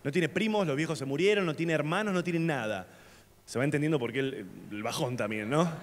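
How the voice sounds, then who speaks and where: A man's voice: fairly high pitch, brisk. Argentine man doing stand-up in a theater. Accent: Argentine Spanish. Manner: loose, slangy storytelling with sudden shouted bits. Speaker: stand-up comedian. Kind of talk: stand-up comedy set. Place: theater stage at a comedy festival. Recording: live theater with long reverb and faint ambience. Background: audience laughter.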